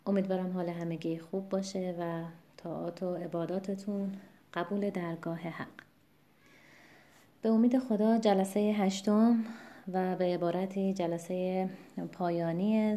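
Woman giving a recitation lesson, warm low tone, explains patiently, slows down for examples. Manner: politely formal greetings. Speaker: Quran recitation teacher. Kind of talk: online lesson lecture.

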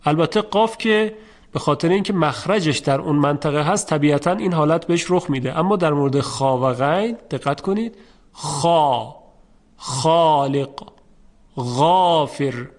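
A man teaching Quran recitation in a patient, methodical way, stretching out example sounds slowly and clearly. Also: fairly high pitch, lively intonation. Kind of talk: instructional lesson.

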